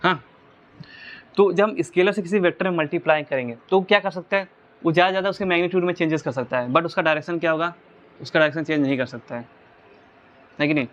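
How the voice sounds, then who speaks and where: Guy teaching physics, kinda high voice, keeps asking if you got it, muffled lo-fi audio. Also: fast talker, pauses often, a bit bright. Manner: explains step by step, asking the class rhetorical check questions. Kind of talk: whiteboard physics lesson.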